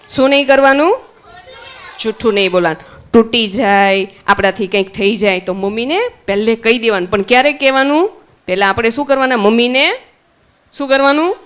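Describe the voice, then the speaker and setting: A woman's voice: fairly high pitch, fairly bright tone. A woman with a Gujarati accent, teaching young children at a summer camp, asking them questions and answering them herself. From Gujarat, India.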